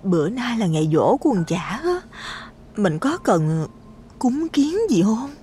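A man voicing a greedy, wheedling young countrywoman in a high, breathy falsetto. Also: sing-song, a little slow, warm tone, a little hiss or hum. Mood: coaxing. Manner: coaxing, hesitant.

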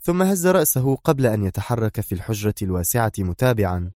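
A man reading a spy novel aloud as narrator, in a steady, measured delivery. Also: lowish voice, no room sound, studio quality. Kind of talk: scripted audiobook narration.

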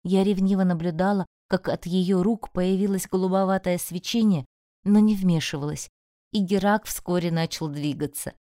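A woman reads a first-person fantasy audiobook with a mellow, warm tone. Her telling is expressive and emotional, recorded close and dry. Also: lowish voice, normal speed, no room sound. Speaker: audiobook narrator.

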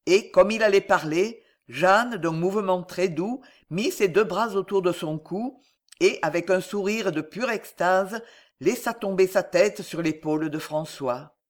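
Male audiobook narrator, high voice, slow and deliberate, expressive dramatic reading with long pauses. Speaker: audiobook reader. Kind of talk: dramatic reading of a classic novel.

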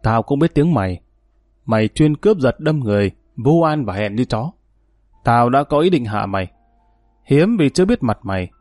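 A man's voice: medium pitch, lively intonation, normal speed, a little mellow, no echo, studio quality, soft background music, lightly acted. A man reading an audiobook, voicing a tough, menacing male gang leader who talks in harsh threats.

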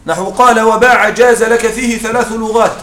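Man, grammar teacher, high voice, echoey classroom, slow recited verse, keeps checking understanding. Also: fairly even intonation, fairly bright tone. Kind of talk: classroom lesson explaining a text.

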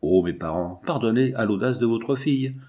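A man's voice: mid-range voice, lively intonation, normal speed, dark tone, natural voice. Audiobook: earnest, pleading young daughter in exile, read by a man in his own voice. Imploring, devoted.

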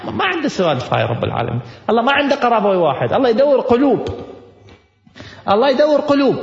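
A man preaching with an Iraqi accent, telling stories and repeating his points with passion. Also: high voice. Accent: Iraqi Arabic. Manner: impassioned, emphatic repetition. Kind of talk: storytelling sermon. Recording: echoey hall, slightly dull sound.

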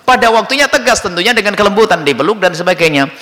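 A man's voice: high-pitched, animated, quick pace, bright, forceful tone, long reverb tail. A man preaching a sermon to parents, speaking straight to the congregation. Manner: addresses the congregation directly.

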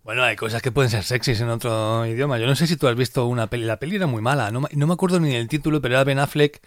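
A man from Spain hosting a podcast, chatting casually and retelling a film in an animated way. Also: medium pitch, rapid-fire, no echo, studio quality. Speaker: podcast host.

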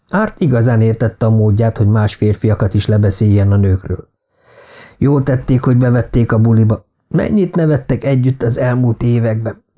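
A man narrating a thriller novel as an audiobook in a steady, even reading. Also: medium pitch.

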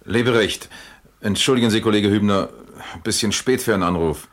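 A male actor with a lowish voice plays a wry, unhurried police captain in a German radio crime drama. His delivery is dry and matter-of-fact, lightly acted, with a brisk, commanding mood.

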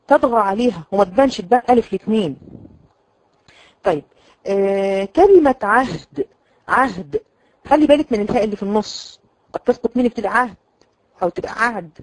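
A woman's voice: fairly high pitch, a little mellow, no echo, low-quality recording. Egyptian woman teaching recitation, dry sound. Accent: Egyptian Arabic. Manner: explanatory, repeats words slowly to demonstrate; addresses students directly, frequent "khalas?" checks. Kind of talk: recorded online lesson.

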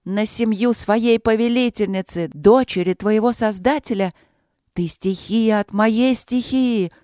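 A reader voicing a frightened but commanding young queen who shouts urgent orders. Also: medium pitch, unhurried, dry recording, studio quality, pitched above the performer's own voice, natural voice. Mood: furious.

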